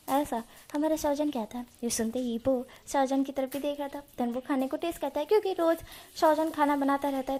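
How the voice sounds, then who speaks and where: A woman casually retelling a fanfiction story for her channel, chatty and full of fillers. She often speaks straight to her viewers. Her voice sits a little high, with a mellow, soft tone. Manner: chatty, lots of fillers, addresses viewers directly. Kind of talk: casual spoken story narration.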